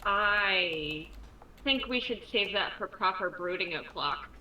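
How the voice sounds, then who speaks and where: A woman's voice: medium pitch, lively intonation, takes it slowly, pushed and bright, slight background noise, poor audio. A woman playing a tabletop role-playing game, switching between casual table talk and speaking for her character.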